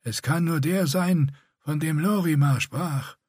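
A man voicing a young, scarred, one-eyed male warrior with a grating, raspy voice and a curt, threatening manner. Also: a little high, measured pace, darkish tone, no room sound, clean studio sound, pitched above the performer's own voice. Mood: cold.

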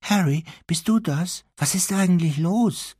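A man voicing a clumsy teenage boy who is nervous and apologetic, with a husky voice. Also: high voice, measured pace, a little mellow, dry recording, clean studio sound, voice pushed up. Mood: flustered. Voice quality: husky, raised voice.

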